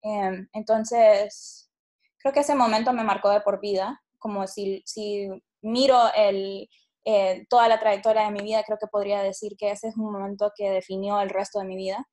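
A woman's voice: mid-range voice, fairly even intonation, normal speed, darkish tone. Woman from honduras, late 20s, interview guest, thoughtful, lots of fillers. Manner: reflective, many fillers and restarts, occasional laughs. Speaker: guest, startup CEO. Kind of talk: casual interview answers.

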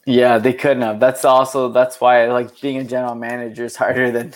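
A young man co-hosts a podcast, chatting casually about hockey and rambling with plenty of filler words. His voice is medium-pitched with little pitch movement, and he talks briskly.

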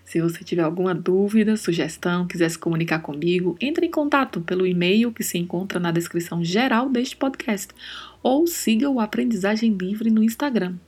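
A woman's voice: medium pitch, a little fast, darkish tone, husky. A woman hosting a podcast Spanish lesson, explaining patiently step by step. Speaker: Spanish teacher, podcast host.

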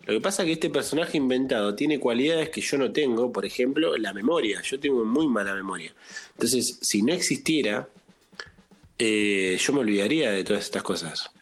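A man with a Rioplatense Spanish accent, deadpan, telling a personal story in a casual comedic chat. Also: mid-range voice, normal speed, slightly rough. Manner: deadpan, peppered with "viste".

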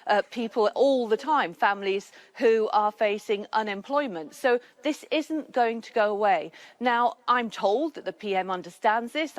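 A woman speaking as a public official, giving unscripted comment in an interview. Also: medium pitch.

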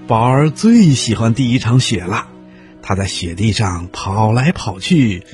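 A man narrating a children's story, telling it gently and expressively. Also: fairly low pitch, animated, measured pace, faint music behind.

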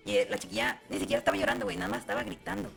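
A woman's voice: lowish voice, very fast, vocal fry, loud music behind the voice. A woman with a Mexican Spanish accent chatting casually and telling stories playfully on a podcast. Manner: lively storytelling, playful. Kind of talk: casual chat.

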